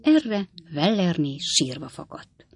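Audiobook narrator, woman, measured reading, low pitch, dead-dry booth. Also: sing-song, no room sound. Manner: measured storytelling. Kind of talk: scripted narration.

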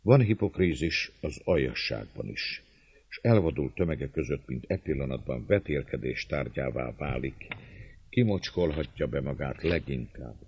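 A man narrating a historical novel in measured, expressive storytelling. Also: a bass voice, husky. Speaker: audiobook narrator. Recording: dull lo-fi, dry sound.

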